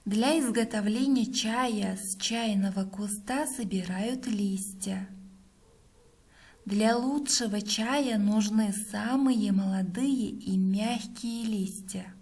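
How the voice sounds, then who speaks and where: Woman teacher dictating slowly, creaky voice. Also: medium pitch, darkish tone. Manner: careful, deliberate enunciation with pauses between word groups. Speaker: teacher of Russian language. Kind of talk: dictating a school dictation to pupils.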